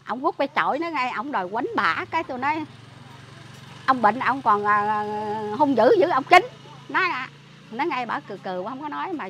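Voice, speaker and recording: A woman's voice: sits high, bright, forceful tone, a little hiss or hum. A woman with a Southern Vietnamese accent tells her account in a rush, indignant and full of restarts. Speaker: interviewee, relative caring for a sick man. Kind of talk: emotional spoken account.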